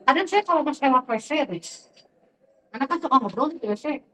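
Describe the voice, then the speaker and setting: A middle-aged Sundanese woman teacher sharing classroom anecdotes in a lively storytelling way, acting out the dialogue. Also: sits high, brisk, a little hiss or hum. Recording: distant, dull recording.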